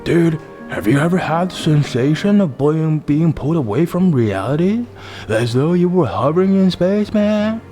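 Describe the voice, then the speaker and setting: A man's voice: fairly high pitch, animated, moderate pace, mellow, faint music behind, voice pushed up, natural voice. A man doing a laid-back surfer dude. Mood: mellow. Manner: drawling, tacks "man" and "dude" onto lines.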